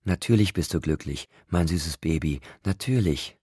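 A man voicing a tender, excited young pregnant woman in an audiobook, with a soft, emotional delivery. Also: low voice, measured pace, husky, no echo, clean studio sound.

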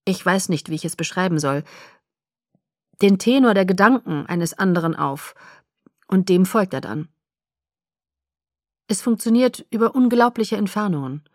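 A woman reading the lines of a confident young male vampire, calmly explaining a plan in a dry, close recording. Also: mid-range voice, normal speed, long pauses, dry recording, lightly acted.

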